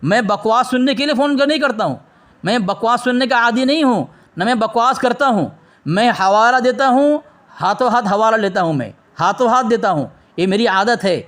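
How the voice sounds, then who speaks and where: Insistent high-voiced man scolding on a call. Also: lively intonation, moderate pace, fairly bright tone. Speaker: debater. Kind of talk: heated phone debate.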